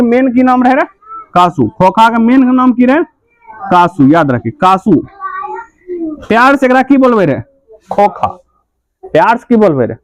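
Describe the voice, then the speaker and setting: A man with a very high voice and a Bihari accent teaches a class lesson, constantly tossing out questions and answering them himself. He hammers key points through repetition. The sound is close and dry, with no room echo. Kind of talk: classroom lesson explaining a story.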